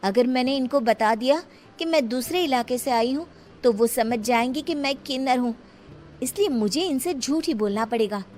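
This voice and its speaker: High-pitched, naive young kinnar played by a woman. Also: moderate pace, darkish tone, slight background noise, close to an everyday voice. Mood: shy. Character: naive, curious, beautiful young kinnar Shakti. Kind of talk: dramatized Hindi story acting.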